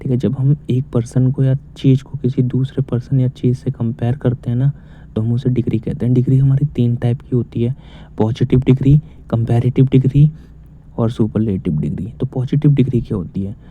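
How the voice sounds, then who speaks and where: A man's voice: mid-range voice, steady tone, brisk, slight background noise. A man teaching grammar, asking questions and then answering them himself. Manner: explains step by step, asks and answers own questions. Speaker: English teacher. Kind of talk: casual spoken lesson. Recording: tinny phone-like audio.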